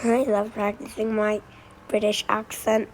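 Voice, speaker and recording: Casually talking through her gameplay, a woman thinks aloud and tells off her in-game car in a mid-range, monotone voice at a slightly slow pace. Loud car sounds from the game sit behind her voice amid heavy background noise.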